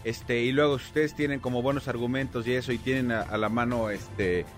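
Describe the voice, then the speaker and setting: A man co-hosting a radio show, calmly giving listeners advice. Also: mid-range voice, brisk, soft background music. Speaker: radio co-host. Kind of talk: casual radio chat.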